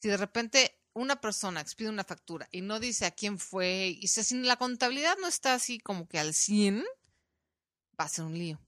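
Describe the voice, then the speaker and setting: A Mexican woman hosts her podcast in a casual, chatty way, slipping into little voices as she retells what people said. Her voice is bright and forceful, and the sound is close and dry. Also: medium pitch, moderate pace, no echo. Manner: animated storytelling, acting out quoted voices. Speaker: podcast host. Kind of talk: casual chat.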